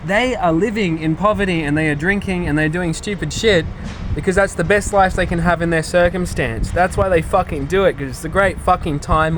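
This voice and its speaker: A man's voice: a little high, fairly bright tone. An Australian man giving a casual, blunt and sweary monologue as a vlogger, rambling as if drunk. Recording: noisy outdoor recording with traffic.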